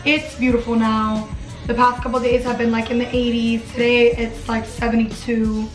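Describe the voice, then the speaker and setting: A woman's voice: on the high side, fairly bright tone, reverberant, low-quality recording. A woman in her twenties chatting casually in her dorm room as a vlogger, filling her talk with "like". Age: 20s. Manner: chatty, lots of "like" fillers. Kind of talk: casual chat.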